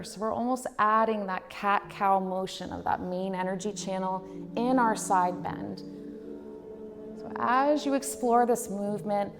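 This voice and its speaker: Echoey, gentle woman guiding meditation. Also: mid-range voice. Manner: gentle, measured, soothing guiding with drawn-out phrases. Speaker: yoga and meditation instructor. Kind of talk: guided somatic meditation instruction. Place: indoors, decorated studio room. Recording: reverberant hall sound with faint music. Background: faint music.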